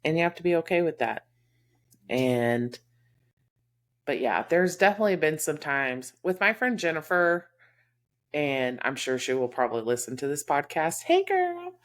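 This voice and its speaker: A woman with a Texas accent and a very low, deep voice talks in an easy podcast chat. She speaks candidly and from the heart, with plenty of "um" and "you know" as she thinks aloud. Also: normal speed, pauses often. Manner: candid, heartfelt, lots of fillers. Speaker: podcast co-host. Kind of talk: casual chat.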